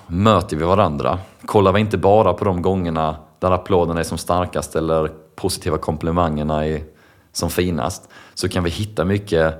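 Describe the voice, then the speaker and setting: A young man, a lecturer, answering interview questions in an earnest storytelling way. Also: low-pitched. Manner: earnest, storytelling, acts out quoted voices. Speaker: lecturer and speaker. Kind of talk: conversational interview answers with anecdotes.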